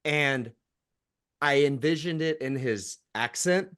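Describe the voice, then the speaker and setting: A man's voice: on the high side, takes it slowly, fairly bright tone, clean tone. A man co-hosting a sports podcast, chatting casually and animatedly about college football recruiting. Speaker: podcast co-host.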